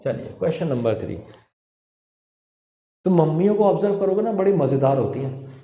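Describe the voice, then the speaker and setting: Animated Indian man teaching English grammar. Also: a little high, normal speed. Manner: lively, explains with rhetorical questions. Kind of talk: online exam-prep class. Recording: echoey room.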